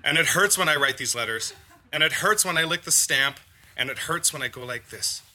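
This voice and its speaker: A man performing a comic spoken-word poem at a live reading, theatrical and swinging between loud and soft. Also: a little high, fairly quick. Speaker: performance poet.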